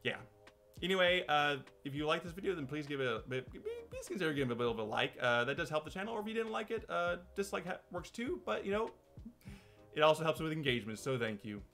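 A man's voice: on the high side, wildly swooping pitch, fast talker, sharp tone, faint music behind. A man hosting his own channel, talking casually to camera in a loose, rambling way with many restarts. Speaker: channel host. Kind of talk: casual talk-to-camera commentary.

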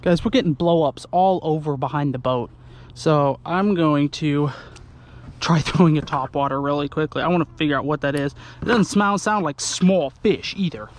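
Filming himself on an action camera aboard a small lake boat, a young man walks viewers through his fishing rig while chatting. His voice is a little high and his speed normal, keeping the vlog narration casual.

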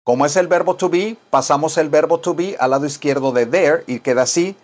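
A man teaching an English lesson, drilling phrases with slow repetition and modeling English sentences. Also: a little high.

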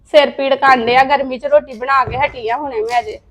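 A worn-out young wife, acted by a woman, answering back quickly in a very high voice. The scene is an amateur family web drama. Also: steady tone, a bit bright. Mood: tired. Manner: quick, defensive replies. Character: young married woman, tired and defensive.

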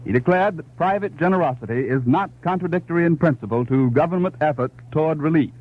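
An American male announcer reads a bulletin in formal 1930s newsreel narrator fashion. His voice sits on the high side. The sound is thin and narrow, like an old radio broadcast. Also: fast. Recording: tinny, band-limited 1930s radio recording.

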